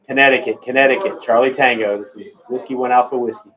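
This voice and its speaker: A man's voice: medium pitch, steady tone, fast talker, crowd noise. A man working as an amateur radio contest operator, calling in clipped, repetitive procedural phrases with phonetic alphabet. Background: other radio operators talking.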